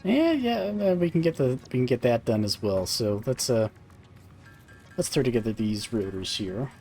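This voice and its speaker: A man's voice: medium pitch, animated, moderate pace, dark tone, faint music behind. A man streaming a video game, talking casually to viewers and thinking aloud with fillers and playful asides.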